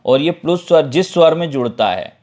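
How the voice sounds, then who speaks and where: A man's voice: a little high, animated, fairly quick, darkish tone. A man teaching a Hindi grammar lesson, explaining step by step, repeating key terms and checking in with his students. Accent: Madhya Pradesh Hindi.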